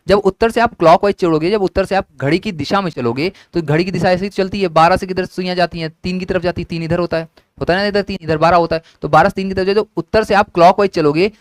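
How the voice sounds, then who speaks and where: Young male teacher, lightly raised pitch, asks then answers the same question, drilling the class. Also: no echo. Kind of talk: classroom lesson explaining at a whiteboard.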